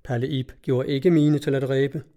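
Male audiobook narrator, dark mellow voice, flat measured delivery, classic novel. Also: medium pitch. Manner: even, measured storytelling. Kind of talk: reading a classic novel aloud.

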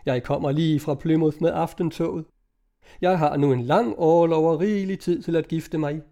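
A man's voice: on the high side, dark tone, lightly acted. A man reading aloud, voicing a forthright young naval officer in an old-fashioned storybook. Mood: cheerful.

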